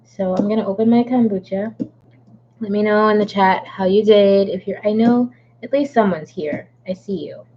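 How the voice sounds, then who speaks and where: A woman's voice: medium pitch, moderate pace, dark tone, muffled recording, a little hiss or hum. A woman author chatting casually and playfully at her desk during a live writing stream, rambling a little and slipping into a put-on accent she jokes about. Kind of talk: casual livestream chat. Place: home desk.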